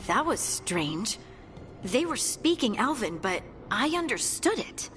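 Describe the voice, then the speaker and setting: A woman's voice: on the high side, sing-song, slow pace, over music. An actress playing a thoughtful, curious female companion in a video game.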